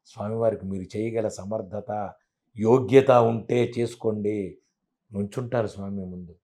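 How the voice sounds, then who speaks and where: A man's voice: lowish voice, steady tone, moderate pace, dark tone. Emphatic preachy man teaching devotion. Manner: emphatic, preachy, full of rhetorical questions. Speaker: spiritual teacher, guest. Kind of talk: devotional interview talk.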